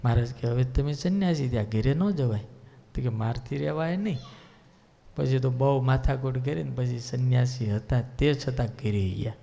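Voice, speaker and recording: A man's voice: medium pitch, moderate pace, creaky. A man telling devotional stories in a sermon, acting out each character's lines in changing voices. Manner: animated, acts out characters' lines in shifting voices. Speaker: religious storyteller. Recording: dull lo-fi sound with long hall reverb.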